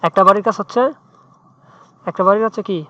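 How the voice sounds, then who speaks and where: A man's voice: high voice, steady tone, quick pace, sharp tone, dry recording. A man tutoring English in a chatty, informal way, often checking in with "right?". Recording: muffled dry lo-fi mic.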